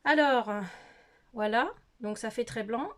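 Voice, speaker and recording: Chatty woman with a higher voice. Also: slow pace, fairly bright tone. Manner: chatty, hesitant with many fillers, laughs at herself. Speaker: beauty vlogger. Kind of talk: casual makeup tutorial chat. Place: her bedroom. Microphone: phone camera.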